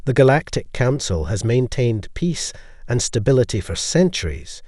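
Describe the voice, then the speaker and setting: A man's voice: mid-range voice, very animated, moderate pace, a little mellow, no echo, clean studio sound. A man reading as a scornful tentacled alien. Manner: derisive.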